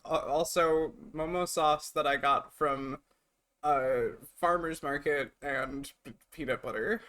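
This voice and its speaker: A man streaming live, chatting casually with his audience and co-host while he eats, swearing freely and swinging between loud and soft. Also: on the high side, takes it slowly.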